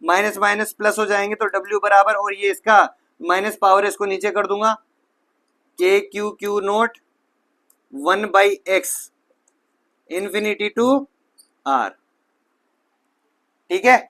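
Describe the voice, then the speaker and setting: A man's voice: high voice, steady tone, slow pace, long pauses, bright, forceful tone. A man teaching physics, talking students through each step with rhetorical questions, sometimes correcting himself mid-sentence. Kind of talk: whiteboard physics lecture.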